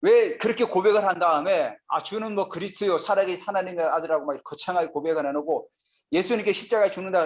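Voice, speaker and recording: A male pastor teaching a Bible study sermon in a lively, conversational way, often asking the congregation questions. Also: on the high side. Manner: lively, asks the audience many questions. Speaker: senior pastor.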